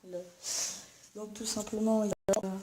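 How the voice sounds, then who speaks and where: A woman's voice: medium pitch, flat delivery, measured pace, mellow, a little hiss or hum. A young woman filming a casual home-tour vlog, rambling with many fillers and restarts while she is sick. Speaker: YouTuber. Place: at home indoors.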